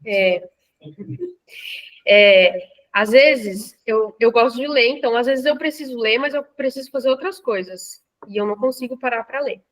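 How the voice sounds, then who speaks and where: Hesitant Brazilian woman, slightly high voice. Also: normal speed. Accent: Brazilian Portuguese. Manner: hesitant, many fillers and restarts. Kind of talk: casual discussion in a lecture.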